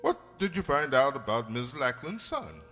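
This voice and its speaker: Man acting genteel doctor sidekick, easily shocked, very swooping pitch, bright, radio drama, reverberant. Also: normal speed, soft background music. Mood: curious. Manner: expressive, gentlemanly. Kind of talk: radio mystery play acting. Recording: reverberant hall-like sound.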